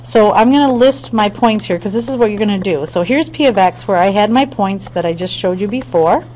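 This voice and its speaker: A woman's voice: medium pitch, lively intonation, brisk, a little mellow, a little hiss or hum, rough recording. Woman math teacher, patient and methodical, speaks straight to her students, mid-range voice. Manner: patient step-by-step explaining with frequent check-ins; talks to students directly. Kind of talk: screen-recorded math lesson.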